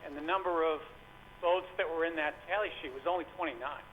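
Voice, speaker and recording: A man calling in to a talk show over a landline phone, speaking casually with hesitant pauses and fillers. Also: a little high. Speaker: caller. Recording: dull lo-fi phone line with faint hiss.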